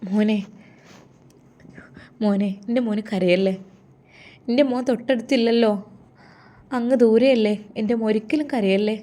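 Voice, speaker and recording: A woman's voice: a little high, a little slow, pauses often, mellow, lightly acted. Woman voicing a soothing older mother. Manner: soothing, coaxing. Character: tender, worried older mother.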